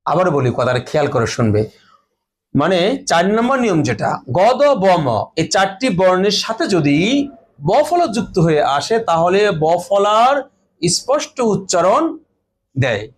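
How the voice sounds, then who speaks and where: A man teaching a grammar lesson to students, explaining each rule slowly and repeating the rules and example words. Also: high-pitched, sing-song. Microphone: phone or camera in front of a board.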